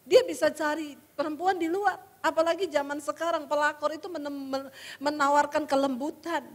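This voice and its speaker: A middle-aged woman preacher giving an emotional sermon, calling listeners "saudara" and swinging from hushed to loud. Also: high voice, steady tone, moderate pace, in a large hall. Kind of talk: sermon with personal testimony.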